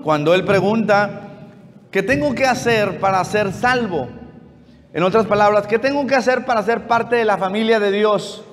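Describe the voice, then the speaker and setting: High-voiced pastor preaching in a hall. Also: male voice. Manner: storytelling, acting out dialogue with a neighbor. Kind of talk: sermon.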